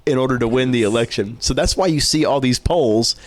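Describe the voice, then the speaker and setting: Podcast guy rambling on, laughing through his words, middle pitch. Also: a little fast. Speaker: podcast co-host. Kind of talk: casual chat.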